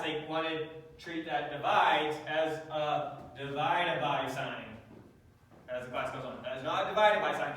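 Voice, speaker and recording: A man lectures a math class, throwing questions at the students and slipping in dry jokes. His voice sits a bit high for a man. The recording is taken from across an echoey classroom, distant and full of reverb. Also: fairly bright tone. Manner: dry joking, quizzes the class. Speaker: math teacher. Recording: echoey classroom taped from far off.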